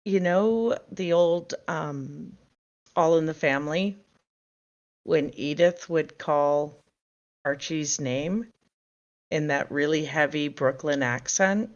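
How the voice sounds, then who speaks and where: A woman playing in a tabletop game, chatting in a relaxed, conversational way. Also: low-pitched, slow, long pauses. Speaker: player. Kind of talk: casual tabletop game chat. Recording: dull lo-fi sound.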